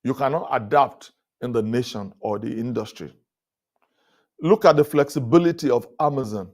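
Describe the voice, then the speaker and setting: A man giving a sermon-style leadership talk at a conference. He speaks animatedly, chuckles between points, and his pitch climbs high when he drives a point home. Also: moderate pace, darkish tone. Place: conference hall.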